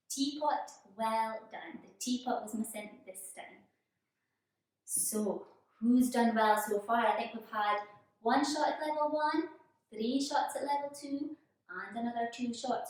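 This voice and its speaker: Female children's show presenter, encouraging and chatty with young viewers; fairly high voice recorded from a distance in a very reverberant room. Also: a little mellow. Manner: encouraging kids-show host delivery with questions to viewers. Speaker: children's church show host. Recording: very echoey room, distant microphone.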